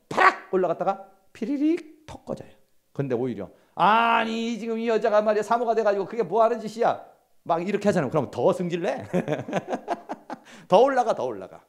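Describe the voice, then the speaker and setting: A middle-aged man giving a counseling lecture at a seminary, telling stories and acting out quoted lines in hushed voices. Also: high voice.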